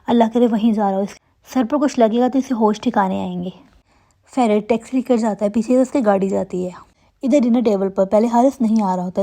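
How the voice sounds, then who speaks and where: A young woman telling the plot of a drama episode as a steady storytelling recap, reading the characters' lines in her own voice. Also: mid-range voice.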